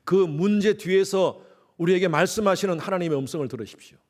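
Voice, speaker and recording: Korean pastor with a Gyeongsang accent. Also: male voice, high voice, quick pace. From Gyeongsang, South Korea. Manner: emphatic, rises to loud exhortation. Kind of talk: sermon.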